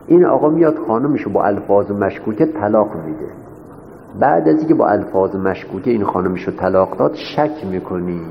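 A man's voice: fairly low pitch, vocal fry. A man teaching a seminary class, repeating each point and asking his students rhetorical questions. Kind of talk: classroom lecture. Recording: echoey hall, dull lo-fi sound with faint noise.

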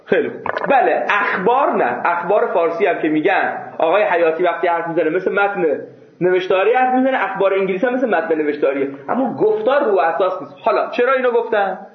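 A man's voice: high-pitched, expressive. A man teaching a seminary class, lecturing emphatically and answering his own rhetorical questions. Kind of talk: classroom lecture on Islamic jurisprudence. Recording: echoey room over a phone-like line.

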